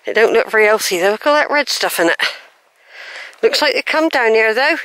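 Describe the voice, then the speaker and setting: With a brisk, expressive delivery and a voice on the high side, pushed and bright, an older woman narrates her walk through open hilly fields. Her casual commentary to camera rambles, full of asides and self-corrections. The handheld camera mic gives a dry recording.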